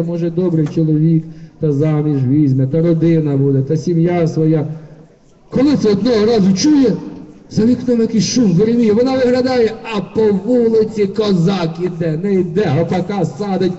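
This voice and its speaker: A man performing a folk tale live on stage, telling it in a lively, vivid way. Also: high voice. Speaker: folk storyteller. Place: concert hall, live audience. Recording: dull distant concert-hall recording.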